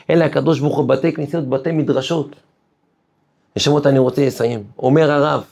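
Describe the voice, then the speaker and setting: A man's voice: mid-range voice, a little mellow, husky. A man, a rabbi, giving an emphatic Torah lesson. He tells stories, asks his listeners rhetorical questions and builds to fervent peaks. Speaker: rabbi teaching a weekly class. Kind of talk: Torah lesson with sermon-like exhortation.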